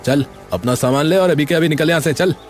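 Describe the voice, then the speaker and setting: A man's voice: fairly high pitch, a little fast, soft background music, lightly acted. Raghu, a man voicing a greedy bully. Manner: rude, bullying.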